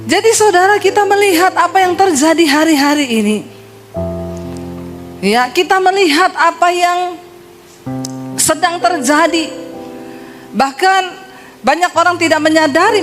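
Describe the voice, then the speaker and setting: A woman pastor delivers a sermon in a chatty, humorous way, slipping into the voices of people from her stories. Her voice sits high. Instrumental music plays clearly beneath her words. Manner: humorous, conversational, acts out dialogue. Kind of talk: sermon with storytelling.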